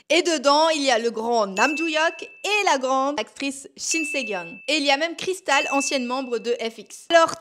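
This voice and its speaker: Young woman vlogger, high bright voice, chatty, talks directly to camera. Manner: chatty, speaks directly to the viewer. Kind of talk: casual chat to camera.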